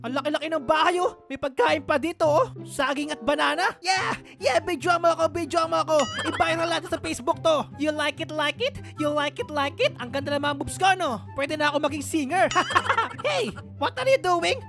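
A woman narrating a comic game roleplay in a loud, excitable way, often laughing and switching between Tagalog and English. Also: high voice, a little fast, gravelly, few pauses. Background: music.

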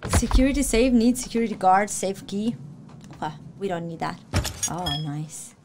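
Excitable woman gamer reacting. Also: mid-range voice, normal speed, noisy background. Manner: excitable, talks back to enemies, swears and laughs. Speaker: gaming streamer. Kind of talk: casual let's-play reaction commentary. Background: game music.

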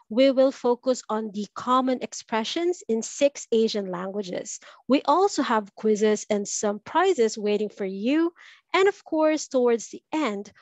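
Over muffled video call audio with no echo, a Filipino woman with a slightly high, slightly mellow voice hosts an online language webinar. She sounds upbeat and welcoming, as if following a script.

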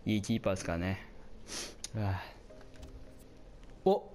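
A man doing casual commentary over a football video game, chatting to his viewers and reacting out loud to the plays, his voice getting hoarse. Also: low voice, sing-song, measured pace, a little hiss or hum. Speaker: gameplay commentator.

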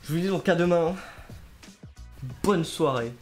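A man's voice: a little high, unhurried. A man, giving casual commentary on a gaming livestream. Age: 20s. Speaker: game streamer. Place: small room at home. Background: music.

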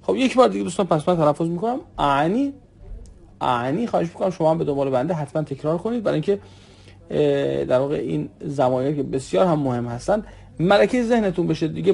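Guy teaching a language, kinda gravelly voice, says every word twice slow so you can repeat. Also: a little high, a little mellow. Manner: slow, repeats each word for learners to echo. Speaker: Arabic teacher. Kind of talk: spoken language lesson.

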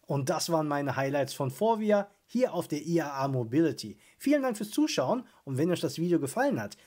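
A man's voice: a little high, mellow. A man hosting a tech video, giving scripted narration about car technology in an enthusiastic presenter tone.

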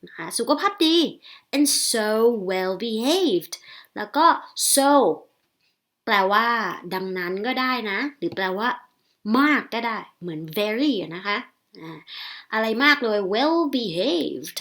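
Slow-spoken woman teacher from Thailand. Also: fairly high pitch, big pitch swings, a bit bright. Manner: reads English lines slowly, then explains in chatty Thai full of polite particles. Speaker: English teacher. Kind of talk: reading a short story aloud and explaining it.

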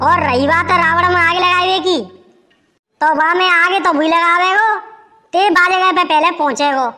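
A very high, squeaky cartoon village man played by a woman who bickers in rapid, foul-mouthed banter. The voice is sharp and bright, with a crude, quarrelsome edge. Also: big-room sound, exaggerated voice. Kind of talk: cartoon comedy voice acting.

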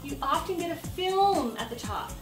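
Music plays behind a high-voiced cooking show host as she demonstrates a dish in her echoey home kitchen, captured from afar. Animated and chatty at a moderate pace, she jokes around, laughs a lot and makes small sound effects while cooking.

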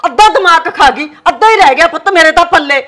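A woman's voice: animated, fast, bright, forceful tone, exaggerated voice. A woman playing a quarrelsome mother-in-law who scolds and threatens, with a Punjabi accent, in an amateur short film. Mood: complaining. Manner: shrill nagging and threatening.

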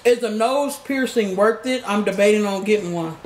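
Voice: mid-range voice, normal speed. A young adult YouTuber with a blunt, slangy way of talking, answering questions in a casual, chatty style. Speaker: YouTuber host. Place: small living room, indoors. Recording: roomy sound with background noise.

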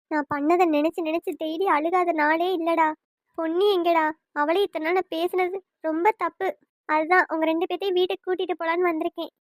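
A woman's voice: very high voice, dry recording, clean studio sound. A woman voicing a remorseful older mother in a family cartoon who pleads tearfully with her son.

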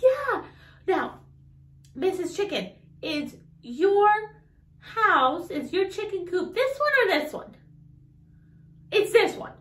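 A woman with an extremely high voice presents to small children. Her melody swings widely and she takes her time, leaving gaps for them to reply. She is encouraging and exaggerated, like a preschool teacher, in an echoey room. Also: very animated, a bit bright. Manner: exaggerated, encouraging teacher talk with questions and pauses for answers. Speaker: children's educational show host. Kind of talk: toddler lesson addressed to children.

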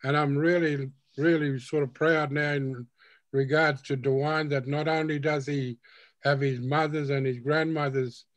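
Older male panelist, measured and reflective, dry close webcam sound. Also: on the high side, little pitch movement, dry recording. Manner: slow, reflective speech with repeated phrases. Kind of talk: panel discussion over video call. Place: home room with bookshelves. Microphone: video call webcam.

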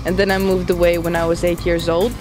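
A young woman from Latvia talks in a relaxed, chatty way outdoors on a winter city square. She slips into other voices as she quotes people, and clear music plays behind her. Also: on the low side, fast talker, low-quality recording. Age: young adult. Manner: chatty, animated quoting of others. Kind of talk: casual testimonial talk.

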